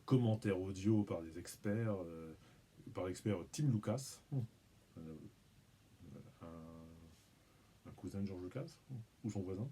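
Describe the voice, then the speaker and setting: A man hosting his own channel, talking through an unboxing in a relaxed, rambling, self-mocking way, humming and muttering as he handles things. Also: on the low side, unhurried, long pauses, breathy edge. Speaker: video channel host. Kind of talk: casual unboxing commentary.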